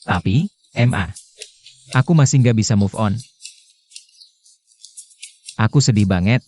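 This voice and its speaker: A man's voice: fairly low pitch, expressive, unhurried, darkish tone, faint music behind. An actor voicing a heartbroken young man, a moping CEO son full of self-pity, in a dubbed drama. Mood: mopey. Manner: mopey, self-pitying.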